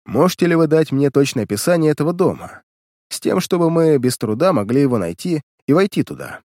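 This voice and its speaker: A man's voice: fairly high pitch, sing-song, a little fast, a little mellow, no echo, clean studio sound, pitched above the performer's own voice. A man voicing a stern male detective who interrogates a prisoner with curt, commanding questions.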